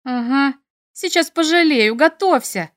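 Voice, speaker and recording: A woman's voice: high-pitched, animated, normal speed. A woman voicing a hot-tempered young empress with lightning powers in a first-person audiobook, raising her voice with indignation. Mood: angry. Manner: fiery, indignant. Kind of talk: audiobook character reading.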